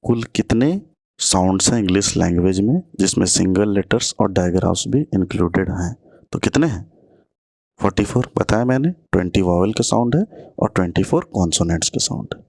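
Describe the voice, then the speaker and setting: Deliberate male exam-prep teacher. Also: low-pitched, expressive, creaky, darkish tone, no room sound, studio quality. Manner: reads English questions slowly, then explains quickly in Hindi. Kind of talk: online exam-prep lesson.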